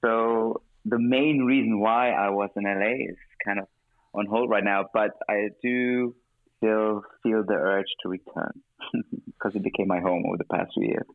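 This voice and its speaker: A man's voice: on the low side, moderate pace, no room sound. A man from Germany with a German-tinged, mixed international accent, a guest talking openly in an interview and laughing often. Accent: German-tinged mixed international English. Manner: laughs often, relaxed and open. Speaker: guest, music director. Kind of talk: interview conversation. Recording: dry tinny phone-like line.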